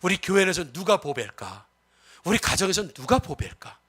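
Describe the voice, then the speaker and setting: Man, pastor, Sunday sermon, very high voice, lively pitch, rhetorical questions, loud then soft. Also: a little fast, breathy edge. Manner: impassioned preaching with rhetorical questions to the congregation; swings from loud exhortation to soft asides.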